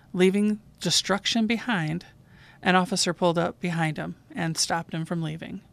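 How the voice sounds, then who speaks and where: A woman, a 911 dispatcher who hosts her own podcast, calmly narrating a true call in scripted form. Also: on the low side, vocal fry.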